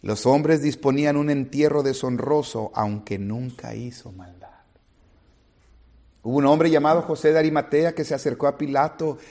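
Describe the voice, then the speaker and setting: At a normal speed and in a mid-range voice, a male pastor delivers an animated sermon. He talks straight to the congregation and stages small scenes while preaching.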